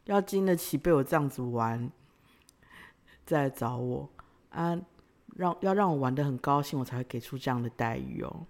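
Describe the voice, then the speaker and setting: A woman's voice: a bass voice, expressive, moderate pace, a little mellow. A young woman, hosting a podcast and telling a personal story in a playful, teasing way with frequent giggles. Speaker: podcast host.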